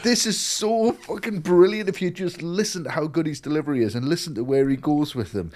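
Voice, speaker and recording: A man's voice: fairly high pitch, brisk, a little mellow. A man co-hosting a film podcast who talks with eager enthusiasm, swears freely and acts out lines he quotes. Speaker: podcast co-host. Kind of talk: casual film discussion.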